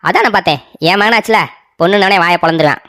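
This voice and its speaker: A woman's voice: mid-range voice, rapid-fire, a bit bright, soft background music, lightly acted. A woman voicing a sentimental, doting elderly father in a cartoon story, talking with melodramatic, pleading emotion.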